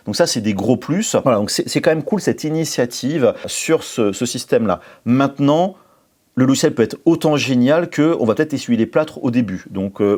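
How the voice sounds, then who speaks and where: A man's voice: medium pitch, darkish tone. A man hosting a maker channel, giving a casual product review with many fillers and restarts. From France. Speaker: maker channel host reviewing a CNC machine.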